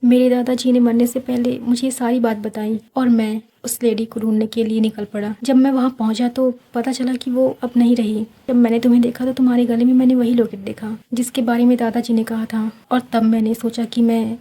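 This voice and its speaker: A sly young man who talks smooth and mocking to trick a girl out of her locket, read by a woman. The voice sits fairly high and stays flat and even, with a soft, husky, mellow tone. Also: brisk, hardly any pauses. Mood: explaining. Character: scheming young man after a magic locket.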